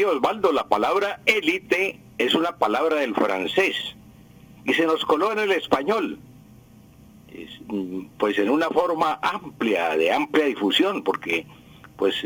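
A man's voice: mid-range voice, very animated, a little slow, a bit bright, slightly rough, no echo, low-quality recording. An older man answers listeners' language questions on the radio, teaching patiently and repeating the key words. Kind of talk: radio call-in explanation.

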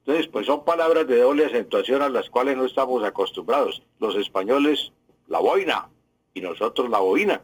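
A man's voice: mid-range voice, a little fast, few pauses, no echo. A man with a Colombian accent, a language professor answering listeners' questions on a radio segment, explaining at length and wandering into anecdotes. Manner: explanatory, digressive, tells historical anecdotes.

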